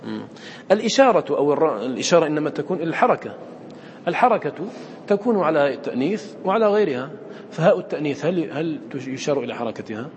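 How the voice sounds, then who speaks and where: Fast-talking man teaching recitation. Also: fairly high pitch, very animated, big-room sound, a little hiss or hum. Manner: quizzes listeners often, repeats points. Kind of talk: lecture to students.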